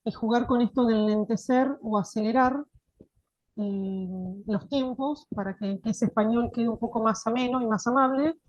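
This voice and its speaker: A woman's voice: on the high side, moderate pace, dry recording, lo-fi sound. A woman giving an online teacher-training lecture, often asking "¿sí?" to check that her listeners follow. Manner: explanatory, frequent checking "¿sí?". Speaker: course instructor.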